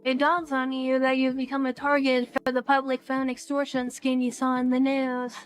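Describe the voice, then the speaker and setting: A woman streaming a video game, reading its text aloud in an even, measured way with brief comments of her own. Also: high-pitched, clear, resonant tone, soft background music. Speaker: let's play streamer.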